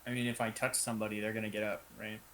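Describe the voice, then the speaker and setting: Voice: mid-range voice, flat delivery, very fast, a bit bright, a little hiss or hum. A player chatting casually and playing along in a tabletop game. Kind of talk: casual chat.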